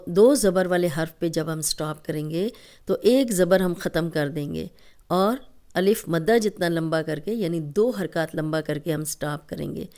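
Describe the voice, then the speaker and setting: A woman with a Pakistani Urdu accent and a lowish, dark voice gives a Tajweed lesson on Quran recitation rules. She explains patiently step by step, drawing each recited word out slowly.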